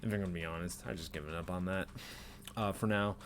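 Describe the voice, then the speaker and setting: Here the twentysomething vlogger talks quickly and steadily in a low-pitched voice, rambling and criticizing himself with nervous laughter and plenty of fillers. The unedited clip comes from a desk webcam in a small bedroom, with slight background noise.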